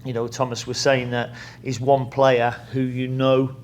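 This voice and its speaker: A middle-aged head coach with an English accent answers press questions in plain-spoken fashion, often repeating words and saying "you know" while he thinks. His voice is medium-pitched, level and a little slow, with a slight hiss or hum on the recording.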